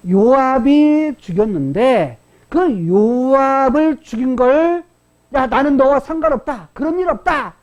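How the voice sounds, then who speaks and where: A woman pastor with a slightly high, darkish voice preaches a Sunday sermon, often putting questions to the congregation and repeating key phrases. She voices quoted insults dramatically.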